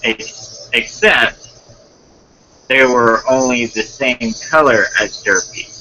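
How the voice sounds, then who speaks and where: A man reads a fan story aloud to a friend. He is slow and hesitant, with many fillers. His voice is very bright and forceful. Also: medium pitch, a little hiss or hum, rough recording.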